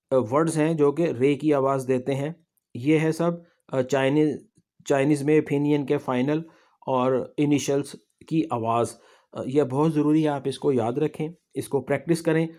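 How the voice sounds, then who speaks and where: A man's voice: a little high, dark tone. A man with a Pakistani Urdu accent teaching a slide-based language lesson, explaining patiently and reassuring his viewers.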